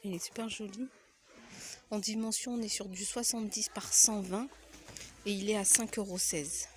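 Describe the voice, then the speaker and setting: A soft-spoken woman with a slight cold, walking through a store and listing decor items and prices for her vlog, often dropping almost to a whisper. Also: mid-range voice, fairly even intonation, moderate pace. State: has a cold. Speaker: home decor vlogger. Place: inside a large home goods store.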